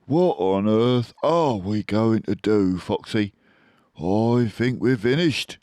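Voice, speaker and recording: A man voicing a frantic, starving, grumbling adult male badger in a children's storybook, excitable and full of despair. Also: fairly low pitch, dry recording, studio quality, pitched above the performer's own voice. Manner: excitable, despairing, drawn-out exclamations.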